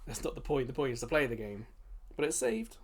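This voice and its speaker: With game music in the background, a man hosting a gaming video series muses to himself while offering casual gameplay commentary. His medium-pitched voice swings widely in pitch, and he talks fairly quickly.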